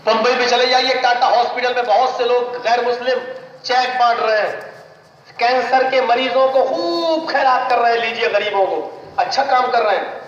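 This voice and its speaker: High-voiced male preacher in a booming hall. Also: normal speed, a bit bright, a little hiss or hum. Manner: storytelling, acting out the voices in his tale. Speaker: Islamic preacher. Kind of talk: sermon with told stories. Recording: echoey hall from far off, dull lo-fi.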